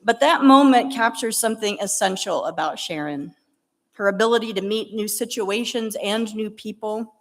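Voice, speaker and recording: A middle-aged woman pastor giving a memorial eulogy, telling stories with gentle humor. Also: medium pitch. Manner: warm storytelling with gentle humor. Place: church sanctuary. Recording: long reverb of a church hall.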